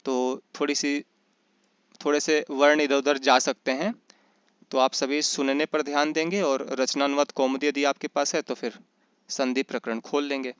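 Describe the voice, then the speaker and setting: A man teaching Sanskrit in an online class, asking questions and answering them himself, and slowly chanting grammar rules. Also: medium pitch, level tone, a bit bright, smooth, no room sound, dull audio. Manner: often checks in with "is that right?". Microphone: computer mic in an online class.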